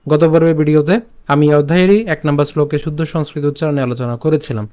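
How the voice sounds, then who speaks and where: A man teaching an online lesson on reciting scripture verses, explaining each sound patiently and chanting the verse slowly, syllable by syllable. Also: on the high side, darkish tone. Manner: patient explaining with frequent check-ins.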